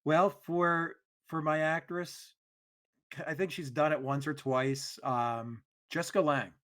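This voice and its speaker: A man's voice: a little high, fairly even intonation, unhurried, a bit bright. A man co-hosting a casual fan podcast about an old TV show, agreeable and hesitant, often repeating words. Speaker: podcast co-host.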